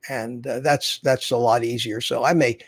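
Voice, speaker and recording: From his Florida home, a seventies-aged man runs a relaxed livestream, meandering in a folksy manner while reading and replying to viewer comments. His medium voice keeps fairly even intonation at normal speed, with no room sound.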